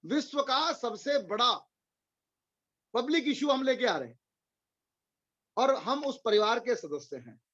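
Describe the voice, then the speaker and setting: Male motivational speaker, high voice, rhetorical and repetitive, webinar audio a bit muffled. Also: animated, a little slow, pauses often, fairly bright tone. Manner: rhetorical questions, repeats phrases for emphasis. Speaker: motivational speaker for insurance agents.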